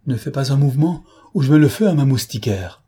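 A man's voice: a little slow, dark tone, husky. A man voicing a desperate marquise. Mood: defiant, panicked. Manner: pleading then shrill and defiant. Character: desperate scheming young noblewoman, marquise. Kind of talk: audiobook character reading.

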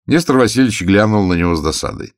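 A man giving scripted audiobook narration in an even, measured storytelling manner. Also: fairly low pitch, vocal fry, no room sound, studio quality.

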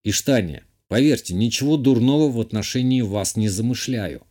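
A restrained young noble speaks slowly through barely held-back anger, as a male audiobook reader plays him. The voice stays at a middle pitch, close to the reader's own telling. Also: darkish tone, natural voice. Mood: tense. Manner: measured, holding back anger. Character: tense young male noble hero, restrained but quick-tempered.

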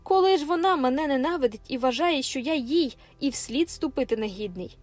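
A woman reading an audiobook and voicing a sullen, rough young man who snarls and curses rudely. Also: high voice, lively intonation, fairly quick, dry recording. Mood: resentful. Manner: rude and gruff, shouting curses. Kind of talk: audiobook character voice. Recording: faint music behind the reading.

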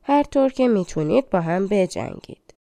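A woman voicing a rude, hurried young man in a storybook tale, curt and dismissive. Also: mid-range voice, animated, creaky, dark tone, no room sound.

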